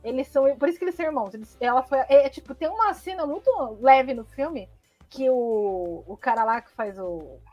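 A Brazilian woman co-hosting a podcast from home, chatting casually with animated, rambling and blunt opinions. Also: high-pitched, brisk, highs cut off, faint music behind. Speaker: podcast co-host. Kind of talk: casual chat.

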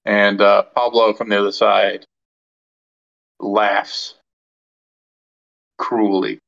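Gravelly man running a tabletop game. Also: fairly low pitch, flat delivery, very slow, a bit bright, lo-fi sound. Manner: rambling, many ums and restarts. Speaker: game master.

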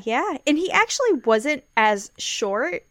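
A woman's voice: sits high, very animated, slow, no room sound, clean studio sound. A woman co-hosting a podcast in casual chat, talking freely, laughing often and swearing. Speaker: podcast co-host.

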